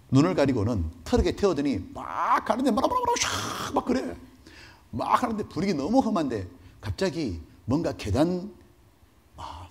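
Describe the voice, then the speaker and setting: A male pastor delivering a sermon, telling stories animatedly and asking the congregation rhetorical questions. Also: medium pitch. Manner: animated, storytelling, mock-dramatic. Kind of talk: sermon with dramatized storytelling.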